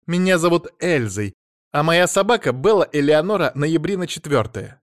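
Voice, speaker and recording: A man's voice: on the high side, big pitch swings, normal speed, dry recording, studio quality, voice pushed up. A man voicing a silly, childish, vain young wife in a pouty, wheedling voice. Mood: shrill, indignant.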